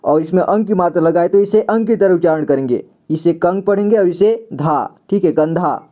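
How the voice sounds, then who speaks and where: A young man giving a slow, patient reading lesson, repeating each syllable and checking in often. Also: high-pitched, mellow. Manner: repeats syllables slowly, says "ठीक है" often. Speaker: Hindi reading teacher.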